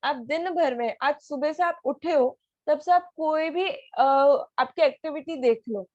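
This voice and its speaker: A woman's voice: high voice, a little slow, a little mellow, no echo, dull audio. A woman teaching an online class for children, patiently asking them questions over a video call. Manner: patient, asks many questions.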